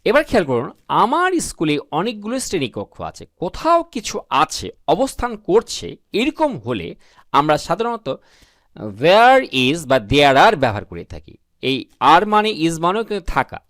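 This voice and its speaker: A man teaching English grammar to beginners, asking questions and answering them himself, reading example sentences slowly. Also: on the high side, huge pitch swings, fairly bright tone, no echo, studio quality. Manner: addresses viewers as friends.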